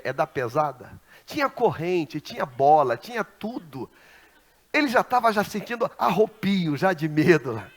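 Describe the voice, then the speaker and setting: Animated preacher from Rio. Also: male voice, on the high side. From Brazil. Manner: dramatic storytelling, swings from hushed to shouting. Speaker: pastor. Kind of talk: Pentecostal sermon. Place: large church sanctuary.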